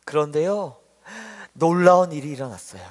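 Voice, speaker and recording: A man preaching a children's sermon, telling a story gently and asking the children questions. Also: a little high, moderate pace. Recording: long hall reverb.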